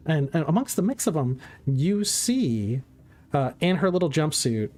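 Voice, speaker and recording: A game master improvising descriptive tabletop narration in a halting, conversational way. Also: medium pitch, big pitch swings, darkish tone.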